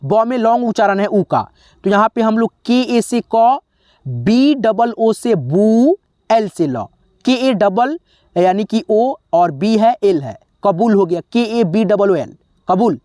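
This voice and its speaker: A man teaching a spelling lesson, slowly sounding out letters one by one and often pausing to check in with his viewers as friends. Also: high-pitched, animated, a little mellow, no echo, clean studio sound. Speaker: English teacher.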